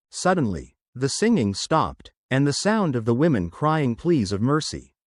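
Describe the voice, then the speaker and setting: A man giving a scripted first-person horror narration in a steady storytelling read. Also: mid-range voice, no echo, clean studio sound.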